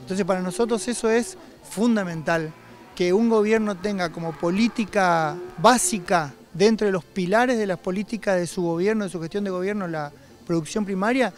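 A man's voice: sits high, normal speed, soft background music. A middle-aged man giving interview remarks as a livestock producers' representative, recorded outdoors on a handheld microphone. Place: outdoors by cattle pens. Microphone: handheld reporter microphone.

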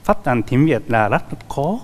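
A man from Japan with a Japanese accent, speaking halting, broken Vietnamese as a dating show contestant, slow and searching for words. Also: medium pitch, big pitch swings, long reverb tail.

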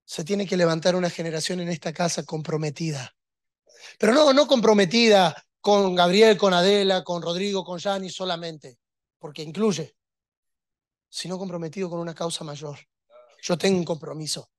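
A man's voice: high-pitched, normal speed, no room sound. A man preaching a sermon, emphatic and rhetorical, with touches of humor.

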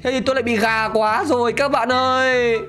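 A man giving excitable gameplay commentary, laughing often and talking straight to his viewers. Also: very high voice, fairly quick. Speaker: gaming channel host.

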